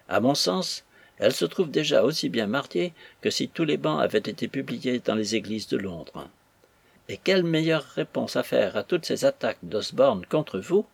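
A man reading aloud as an earnest, loyal young army captain who speaks calmly and persuasively. His voice is husky, of middle pitch, and recorded dry and close. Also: no room sound. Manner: calm, polite, persuasive. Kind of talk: audiobook character voice.

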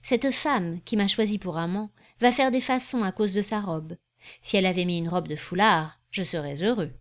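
A woman's voice: mid-range voice, normal speed, lightly acted. A bold, cynical young Parisian journalist, read by a woman in an audiobook. He speaks brashly and insistently, pressing his suit with caressing confidence. The voice is kept close to the reader's own, in the middle of the range.

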